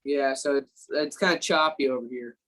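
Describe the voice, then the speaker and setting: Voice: medium pitch, steady tone, normal speed, a bit bright. Choppy video-call student, volume dropping in and out. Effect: choppy call audio with uneven, dropping volume. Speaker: student in an online lesson. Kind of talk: casual talk on a video call.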